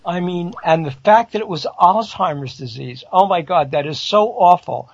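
High, husky man on a dry lo-fi mic. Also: lively intonation, moderate pace, no room sound. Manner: wry, rambling, jokey asides. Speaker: co-host. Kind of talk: casual podcast chat. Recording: dry, dull lo-fi sound.

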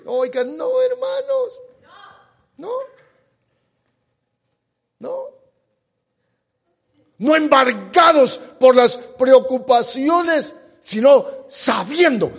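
A male pastor delivers an emphatic sermon in a high, widely swinging voice. He speaks slowly, drawing out key words and firing rhetorical questions at the congregation. His voice rings with the long reverb of a church hall.

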